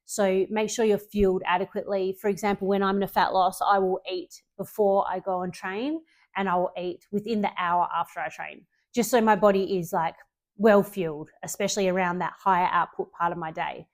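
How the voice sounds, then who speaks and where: Woman, fitness coach, casual tutorial, chatty, lots of ums, mid-pitched voice. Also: fairly even intonation, brisk. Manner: chatty, loose, with frequent ums and self-corrections.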